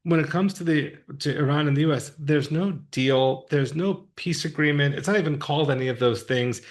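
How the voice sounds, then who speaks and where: A man's voice: on the high side, fairly quick. A man co-hosting a podcast, explaining politics in a casual, thoughtful, plain-spoken way. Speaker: podcast co-host. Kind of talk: casual discussion.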